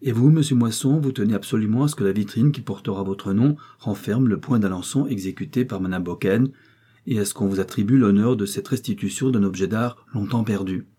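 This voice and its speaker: A man's voice: on the low side, fairly quick, mellow. A man playing a gracious, persuasive young lady. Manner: smooth and persuasive. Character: clever, gracious young married society woman.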